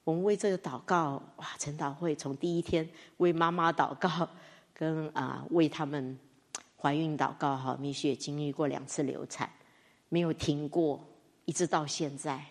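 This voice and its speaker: A woman preaching a sermon, animated, moving from soft talk to loud, high outbursts. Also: normal speed. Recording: long reverb of a church hall.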